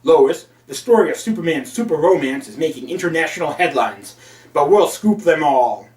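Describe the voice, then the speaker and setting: A man voicing a cheerful, gruff middle-aged male newspaper editor who stammers through his booming good wishes, recorded in a roomy space away from the mic. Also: animated, normal speed, a little mellow, natural voice. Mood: jovial. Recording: roomy, from a distance.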